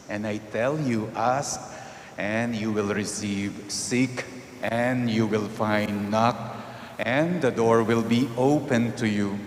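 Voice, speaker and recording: Slow priest in a cathedral echo. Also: male voice, mid-range voice. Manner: measured, deliberate phrasing. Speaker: priest reading the Gospel at Mass. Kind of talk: solemn liturgical scripture reading. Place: large church, indoors. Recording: echoey cathedral-like church, long reverb, background noise.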